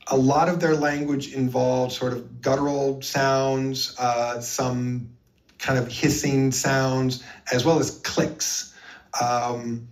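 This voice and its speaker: An earnest man recounts his experiences as an interview guest, leaning hard on key points between frequent ums. His voice sits in a mid range and sounds a little distant from the microphone. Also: mid-range voice. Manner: earnest, emphatic, with many fillers.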